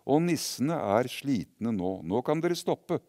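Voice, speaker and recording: A man's voice: sits low, animated, mellow, no room sound. A man voicing a small, stubborn, cheerful little boy who believes in Christmas elves, in a storybook reading. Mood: eager.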